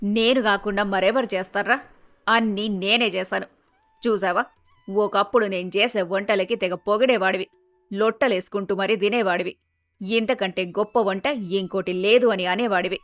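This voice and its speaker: A woman's voice: medium pitch, steady tone, moderate pace, a bit bright, dry recording, faint music behind, natural voice. A woman voicing a middle-aged mother in a cartoon story, teasing and scolding her son in a down-to-earth manner.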